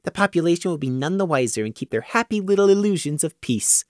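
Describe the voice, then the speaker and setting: A man's voice: fairly high pitch, fast talker, no room sound, studio quality, pitched above the performer's own voice, close to an everyday voice. A man voicing a young male pony colt who talks in a blunt, matter-of-fact way. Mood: musing. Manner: matter-of-fact, flat insistence.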